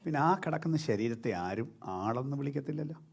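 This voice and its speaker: Animated Malayali pastor preaching. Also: male voice, mid-range voice, quick pace, vocal fry, slightly rough. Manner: lively preaching, rising and dropping sharply between loud and soft; mixes English words into his speech. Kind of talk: sermon.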